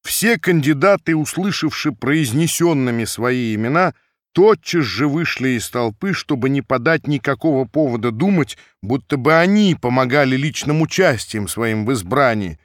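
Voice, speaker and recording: A man narrating classic prose for an audiobook with an expressive delivery. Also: mid-range voice, normal speed, no room sound, clean studio sound.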